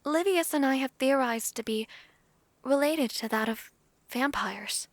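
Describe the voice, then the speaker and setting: A woman with a high-sitting voice plays a sick, sincere young dragon-blooded noblewoman in a fantasy audio drama. Her lines come out formal, sad, and halting, with no room sound in the recording.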